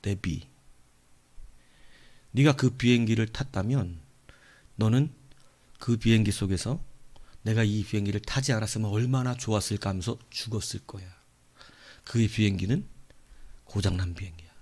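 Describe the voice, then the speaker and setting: A man voicing a calm, gentle divine voice that speaks to a troubled man. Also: on the low side, moderate pace, pauses often, voice pushed down. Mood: solemn.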